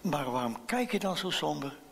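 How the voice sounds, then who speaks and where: A man's voice: fairly high pitch, very animated, normal speed, vocal fry, a bit bright, a little hiss or hum, full character voice. A man doing a concerned mother, church echo. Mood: surprised.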